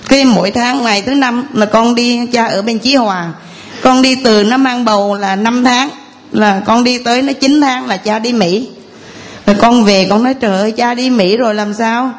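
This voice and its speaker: A woman's voice: fairly high pitch, moderate pace. A woman, telling a long, rambling, earnest story of faith to a priest in church. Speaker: parishioner giving testimony. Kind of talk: tearful church testimony.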